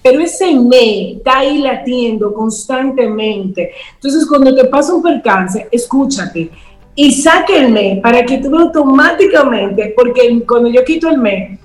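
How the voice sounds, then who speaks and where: A fairly high-pitched woman talks through advice in a relaxed, conversational way. She slips into little quoted exchanges, then slows down to drive a point home. Her voice carries an echo, like a bare room. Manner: acts out quoted dialogue, slows for emphasis. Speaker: guest speaker. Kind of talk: conversational advice on a talk show.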